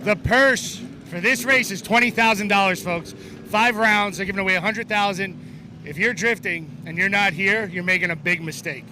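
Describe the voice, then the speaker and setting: A man with a bright, fairly high voice gives an upbeat trackside walkaround, talking straight to the viewers. He is outdoors at a race track. Car engines and crowd noise stay loud behind him. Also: normal speed. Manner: upbeat, chatty, addresses viewers as folks. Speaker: event reporter for a wheel brand.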